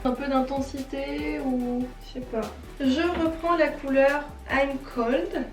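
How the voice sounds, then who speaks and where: High-voiced chatty French woman. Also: fairly even intonation, unhurried, echoey room, distant mic. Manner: chatty, self-deprecating, explains each step. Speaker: beauty vlogger. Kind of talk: makeup tutorial voice-over.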